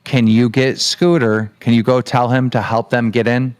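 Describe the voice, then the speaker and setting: A man hosting a show, giving brisk instructions on a livestream. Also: medium pitch, little pitch movement, dry recording. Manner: brisk, directive. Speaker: show host. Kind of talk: livestream chat.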